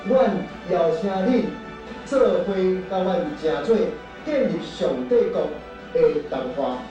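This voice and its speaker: A man's voice: sits high, lively intonation, unhurried. A man with a Taiwanese Hokkien accent delivering a formal, scripted appeal. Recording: distant echoey playback with music.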